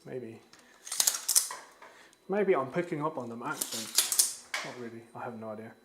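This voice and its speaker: Cooking live in his kitchen at home, this man from Denmark keeps up a loose, rambling chat, cursing now and again. He speaks at a medium pitch and a little slowly, and the recording picks up room echo and a faint hiss.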